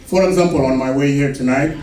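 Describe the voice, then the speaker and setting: A man from Sudan with a Sudanese accent doing a stand-up comedy set on a club stage, delivering his punchlines slowly and deadpan. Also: medium pitch, far from the mic. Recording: echoey club recorded from afar with laughing crowd. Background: audience laughter.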